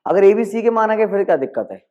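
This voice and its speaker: High-voiced man tutoring maths, lo-fi. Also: lively intonation, dark tone. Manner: coaxing, asks quick check questions and answers them himself. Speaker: maths teacher. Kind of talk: classroom-style exam tutoring. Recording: dull lo-fi recording.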